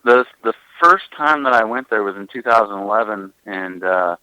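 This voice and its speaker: A man, a race driver guest on a radio show, answering modestly and relaxed with many "you know" fillers. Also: fairly low pitch, normal speed, clean tone, no room sound, lo-fi sound. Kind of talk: radio interview.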